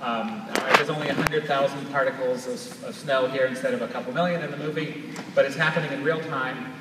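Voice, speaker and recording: A man's voice: mid-range voice, fairly even intonation, fairly quick. A man giving a conversational, explanatory live product demonstration on stage as a presenter. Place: large auditorium stage, recorded from far in audience. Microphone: distant camera picking up PA sound. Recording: echoey large hall, distant, noisy audience recording.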